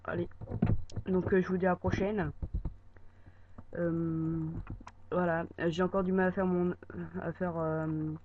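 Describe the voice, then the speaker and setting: Speaking slowly at a medium pitch and leaving long pauses, this French-speaking gamer gives relaxed walkthrough commentary on a building project for his YouTube viewers. He hesitates constantly, filling gaps with "euh" and "voilà." The audio comes through a dull lo-fi mic with a constant hiss.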